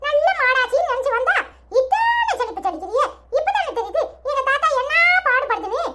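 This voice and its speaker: Woman doing a cartoon village boy, Tirunelveli accent, very high squeaky voice, teasing, loud background noise. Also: very animated, a little fast. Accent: Tirunelveli Tamil. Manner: teasing, chuckling banter. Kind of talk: cartoon voice acting.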